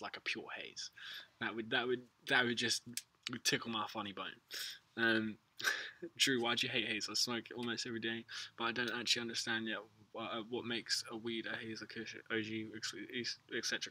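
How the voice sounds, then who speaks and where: A man's voice: lowish voice, level tone, fairly quick, pushed and bright, dry recording, rough recording. A British man chatting casually as a livestream host, with a laid-back, slangy, sweary stoner way of talking. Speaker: livestream host answering viewers. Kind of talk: casual rambling chat.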